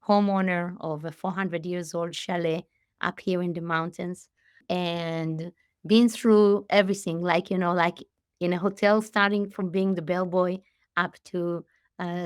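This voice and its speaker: A woman in her late forties, originally from Israel, answering interview questions as a company head, speaking with frequent pauses, fillers and restarts. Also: lowish voice, little pitch movement, clear, resonant tone, no echo, studio quality. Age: 40s. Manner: warm, halting, many fillers and restarts. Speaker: CEO and guest. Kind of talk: conversational interview.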